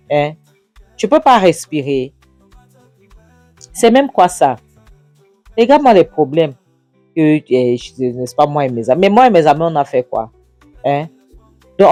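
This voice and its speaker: A narrator acting out an indignant husband who scolds his wife, raising the pitch and repeating "Hein?". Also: moderate pace, warm tone, no echo, soft background music, lightly acted. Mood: ranting.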